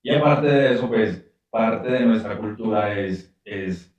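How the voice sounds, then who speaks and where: A man with a Colombian accent, a guest explaining things in a measured, casual way. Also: on the low side, darkish tone, heavy reverb, distant mic, lo-fi sound. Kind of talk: casual conversation.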